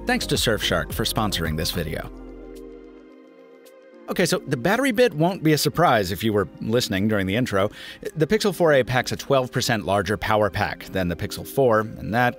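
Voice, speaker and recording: A man in his thirties from the United States narrating a scripted tech review with lively, emphatic delivery. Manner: lively, emphatic delivery with wide pitch swings. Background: faint music.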